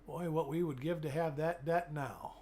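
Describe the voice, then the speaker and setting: Looking over coins on his live coin-hunting stream, a middle-aged host greets viewers by name in a chatty way. An illness has left his voice weak and fading, though it stays fairly high, mellow and steady at a moderate pace.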